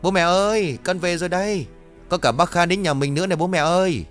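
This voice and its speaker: A man's voice: medium pitch, expressive, brisk, faint music behind, pitched above the performer's own voice, natural voice. A man voicing a polite, cheerful young woman student who talks respectfully to her elders. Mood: calling out.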